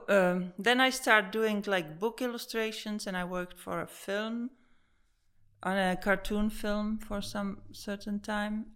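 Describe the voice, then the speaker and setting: Woman, native Czech speaker, unhurried and clear-voiced, halting non-native English with restarts, interviewed in her studio. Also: medium pitch, a bit bright. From Czech Republic. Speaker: painter. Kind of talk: casual interview.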